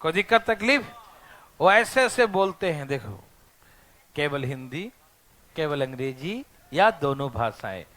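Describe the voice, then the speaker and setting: A man's voice: fairly high pitch, expressive, measured pace, long pauses, fairly bright tone. A male math teacher lecturing a classroom, teasing his students and checking in with them constantly.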